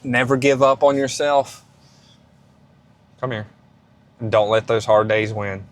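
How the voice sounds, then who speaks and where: Man, late 30s, fitness vlog host, middle pitch, casual, rambling, encouraging, restarts often. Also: steady tone, a little slow.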